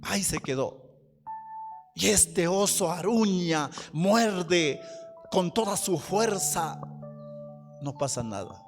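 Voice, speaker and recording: A man preaching a sermon as pastor, slow and emphatic, asking the congregation questions. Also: high voice, lively intonation, big-room sound, faint music behind. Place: church hall.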